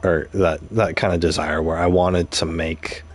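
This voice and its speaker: Husky, low-voiced man rambling while gaming. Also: level tone, unhurried. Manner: rambling, explains with examples, many restarts. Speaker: gaming streamer. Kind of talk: casual commentary while gaming.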